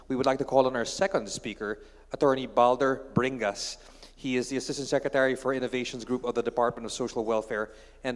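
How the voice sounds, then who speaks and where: A man with a Filipino accent moderating a conference, formally reading a speaker's introduction. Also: medium pitch. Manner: formal, steady, reads prepared text. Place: large conference hall. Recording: long hall reverb.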